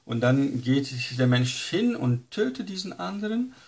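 Male Bible teacher, mid pitch, chatty teaching style. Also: sing-song, measured pace, vocal fry, darkish tone. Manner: conversational, frequent tag questions. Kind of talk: informal teaching lesson.

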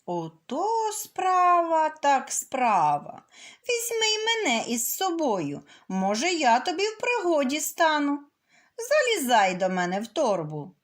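Hungry vixen from a fairy tale, sly, wheedling, slow and drawn out, voiced by a woman. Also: sits high, wildly swooping pitch, fairly bright tone, heavily acted. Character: sly hungry female fox.

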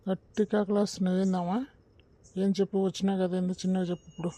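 A man's voice: high voice, level tone, quick pace, mellow, no echo, natural voice. A man voicing an impatient young adult son in a cartoon. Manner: impatient, curt.

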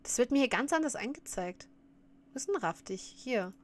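A woman's voice: a little high, lively intonation, normal speed, heavy background noise. A woman streamer chatting casually while reacting to a clip, often laughing and scolding her viewers.

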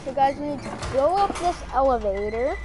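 A woman's voice: high voice, lively intonation, normal speed, noisy background. Joking young woman gaming streamer. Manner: chatty, joking. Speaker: gamer streamer. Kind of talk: casual gameplay commentary.

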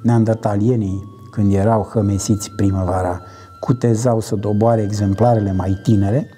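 A man's voice: on the low side, flat delivery, normal speed, warm tone, soft background music. A man in his sixties from Romania, a native Romanian speaker, explaining things unscripted as a researcher. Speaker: cave researcher.

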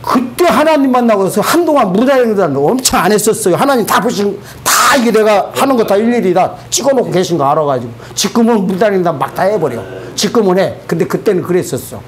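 Animated man giving church testimony. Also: high voice, fast talker, few pauses, a little hiss or hum. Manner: animated and colloquial, asks the audience rhetorical questions. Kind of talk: spoken testimony to a congregation.

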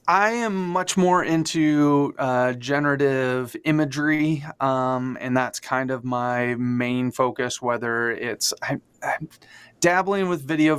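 A man's voice: mid-range voice, fairly bright tone, clear, resonant tone, no echo. A middle-aged man answering on a video-call podcast, chatty and enthusiastic, with lots of "like" and "um". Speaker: church designer guest. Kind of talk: casual podcast interview answer. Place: home studio room. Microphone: studio mic on a video call.

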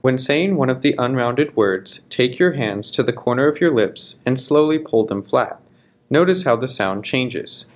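Guy teaching pronunciation, slow and careful, mid pitched voice. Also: animated. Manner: slow, deliberate, careful articulation. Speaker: language instructor. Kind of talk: scripted pronunciation lesson.

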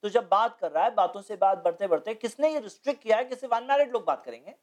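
A man's voice: high-pitched, lively intonation, quick pace, darkish tone. A man answering as a guest in a studio TV interview, explaining at length and posing rhetorical questions. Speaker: guest speaker on Islamic topics.

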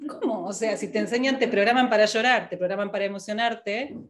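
Animated woman coaching a workshop. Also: medium pitch, brisk, a crowd in the background. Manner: animated, asks many rhetorical questions, laughs often. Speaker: workshop facilitator.

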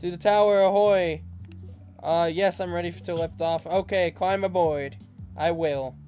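A man's voice: sits high, fairly even intonation, moderate pace, a little mellow. A man giving casual, playful gaming commentary, reading game dialogue aloud and teasing with some swearing. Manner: playful, teasing, foul-mouthed. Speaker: let's play host. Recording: light game music behind voice. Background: video game music.

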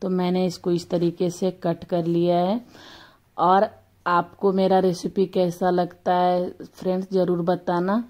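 A woman's voice: fairly low pitch, little pitch movement, measured pace, a little mellow. A woman with a slightly sore throat hosting a casual home cooking tutorial in her kitchen, chatting homely and correcting herself as she goes. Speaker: cooking channel host.

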